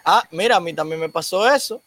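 A man's voice: high-pitched, expressive, a little fast, a bit bright. A man chatting casually among friends.

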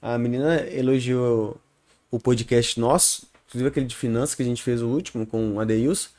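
A man's voice: medium pitch, fairly even intonation, darkish tone. A man co-hosting a casual podcast who often chimes in with short words of agreement. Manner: quick agreeing interjections. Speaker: podcast co-host.

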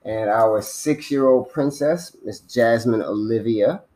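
A man's voice: medium pitch, slow, dark tone. Joking middle-aged New man. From the Bronx, New York. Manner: joking, teasing. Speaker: podcast co-host. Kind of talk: casual chat.

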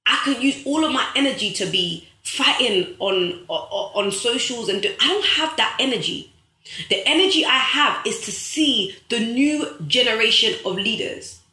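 A woman's voice: on the high side, lively intonation, normal speed, pushed and bright, echoey room, rough recording. A woman hosting a motivational livestream as an author, talking in a rallying, preachy way with lots of repeated phrases. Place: bedroom at home.

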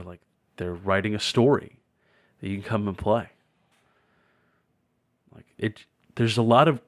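A man co-hosts a casual podcast. He chats in an upbeat way, loaded with likes and ums. His voice is of medium pitch. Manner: chatty, lots of fillers, upbeat. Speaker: podcast co-host.

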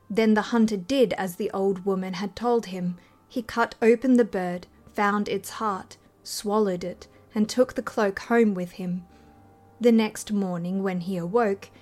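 A woman narrating a fairy tale audiobook in a measured, unhurried way. Her voice sits in a middle register, with faint music playing softly beneath the reading. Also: mid-range voice. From Australia. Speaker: storyteller.

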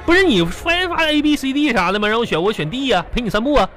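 Brief: man as a tightfisted Northeastern Chinese husband, rapid and stuttering, voice bouncing all over, music bed underneath. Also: very high-pitched, big pitch swings, fairly bright tone, exaggerated voice. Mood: grumbling. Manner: stammering, rambling, repeats words. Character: stingy, fumbling middle-aged husband. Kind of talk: comedic audio sketch.

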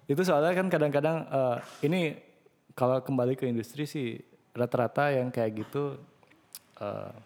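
A man chatting casually as a podcast host, relaxed and joking, with lots of fillers. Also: mid-range voice, moderate pace. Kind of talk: casual chat. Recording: long hall reverb.

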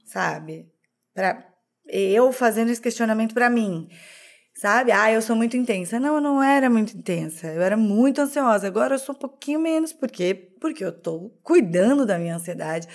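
A woman's voice: mid-range voice, expressive, moderate pace, a little mellow. A woman co-hosting a podcast in casual chat, candid and self-deprecating, often restarting her sentences. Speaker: podcast co-host.

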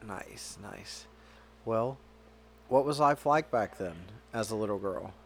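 Low-voiced man hosting casually. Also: slow pace, a little hiss or hum. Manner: informal, teasing, swears freely. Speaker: podcast host. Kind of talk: casual chat interview.

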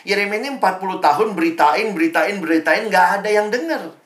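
In an echoey room, a young man with a high, brisk, slightly bright voice gives a relaxed devotional talk to a campus fellowship. He keeps it chatty and informal, tossing in slangy asides and tag questions.

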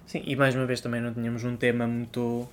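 A young man chats as a podcast co-host. He has a mid-pitched voice and a casual, dryly teasing way of talking. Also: monotone, quick pace. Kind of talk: casual chat.

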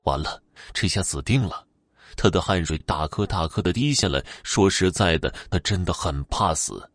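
Deep-voiced male ghost story narrator. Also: expressive, normal speed, dry recording.

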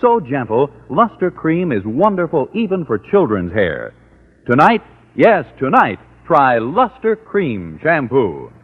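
A man's voice: medium pitch, wildly swooping pitch, measured pace, breathy edge. An American man working as a commercial announcer on old-time radio, with an emphatic, polished sales delivery. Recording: dull, lo-fi old radio recording.

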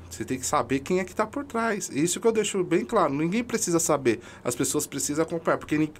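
A man sits in on a casual podcast chat and tells his stories with feeling, slangy and emphatic. His voice sits a little high for a man, and faint noise hums under the recording. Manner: emotional storytelling, slangy and emphatic. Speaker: podcast guest, amateur football club leader.

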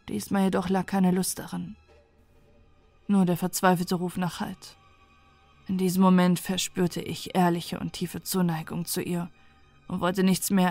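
A woman narrating a science fiction horror story for falling asleep, in a soft, measured reading over faint music. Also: fairly low pitch, gravelly, no room sound. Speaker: audiobook narrator. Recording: dry close recording with faint music.

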